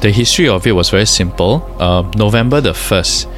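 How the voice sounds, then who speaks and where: A man's voice: fairly low pitch, animated, fairly quick, faint music behind. A Singaporean man co-hosting a paranormal podcast, telling anecdotes in a casual, colloquial chat.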